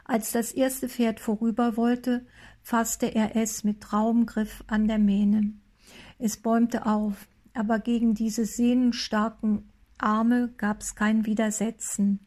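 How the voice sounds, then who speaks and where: A woman reading a story aloud in calm, measured scripted narration. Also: fairly high pitch.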